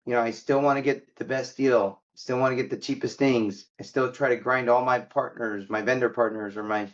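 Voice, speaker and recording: A man born in Egypt and raised in America talks candidly about his beginnings, in an easygoing way full of little fillers. His voice sits at an ordinary middle pitch. The recording sounds a bit dull and muffled. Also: steady tone, normal speed. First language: Arabic. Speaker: guest, mortgage company CEO. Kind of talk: casual interview talk.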